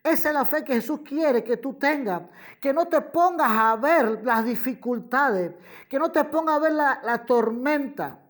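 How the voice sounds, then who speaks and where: A woman preaching a sermon, slow and emphatic, repeating key phrases and addressing her listeners as brother and friend listener. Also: high voice, animated. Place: radio program.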